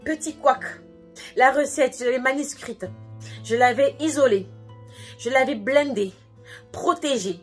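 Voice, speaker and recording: A woman's voice: high-pitched, measured pace, pauses often, slightly rough, faint music behind. A middle-aged woman chatting casually and bubbly as a cooking vlogger, laughing often. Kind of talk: casual vlog chat.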